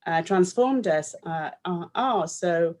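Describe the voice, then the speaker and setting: A woman's voice: lowish voice, animated, takes it slowly, a little mellow. Thoughtful woman historian, raised. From Cameroon, raised in Paris. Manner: thoughtful, searching for words with fillers. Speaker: historian and author. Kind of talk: conversational discussion.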